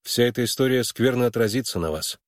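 A man reading an audiobook and voicing a gloomy, guilt-ridden young man who mumbles low and distracted. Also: lively intonation, quick pace, no echo, clean studio sound, natural voice.

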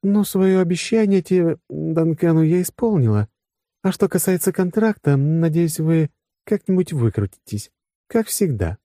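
A man's voice: a little high, animated, moderate pace, dark tone, dry recording, clean studio sound, pitched above the performer's own voice. Asta, a man voicing a sly young woman. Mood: matter-of-fact. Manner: teasing, flaring into possessive outbursts. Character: brisk young woman officer, touchy, sly. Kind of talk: audiobook character voice.

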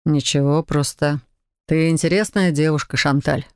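A woman reading as a calm, wry young husband. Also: sits low, normal speed, smooth, no echo, clean studio sound. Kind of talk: audiobook character voice.

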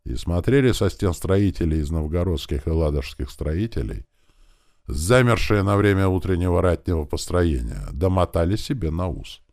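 A man reading an adventure audiobook aloud in an expressive style, acting out the shouts of the characters. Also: low voice, normal speed, no room sound, clean studio sound. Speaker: audiobook narrator. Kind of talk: scripted narration.

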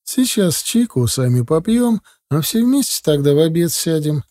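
A man's voice: fairly high pitch, sing-song, moderate pace, warm tone, voice pushed up. A man voicing a cheerful old grandmother. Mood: fussing. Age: older.

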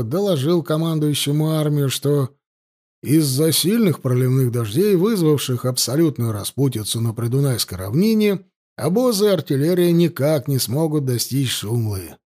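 A man narrates an audiobook in a dramatic, scripted read. His voice sits fairly high for a man, and he slows down to lean on the key moments. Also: a little mellow.

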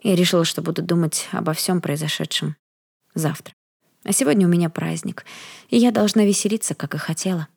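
A woman reading a first-person fantasy novel aloud in a steady, measured way. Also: fairly low pitch, creaky, slightly rough. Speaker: audiobook narrator.

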